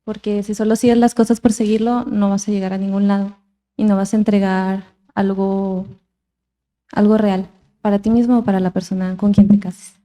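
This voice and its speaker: A woman's voice: medium pitch, flat delivery, normal speed, mellow. A woman in the audience giving a spontaneous spoken answer. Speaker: audience participant.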